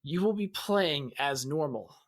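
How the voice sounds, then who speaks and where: A man's voice: a little high, animated, a little slow. A man co-hosting a gaming podcast, explaining game mechanics analytically in casual chat. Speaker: podcast co-host.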